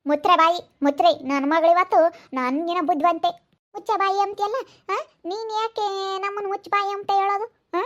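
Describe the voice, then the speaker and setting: A woman playing a sharp-tongued village wife. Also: very high voice, flat delivery, dull audio. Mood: quarrelling. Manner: scolding, quick and combative. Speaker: village wife in a family quarrel. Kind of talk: rural village comedy-drama.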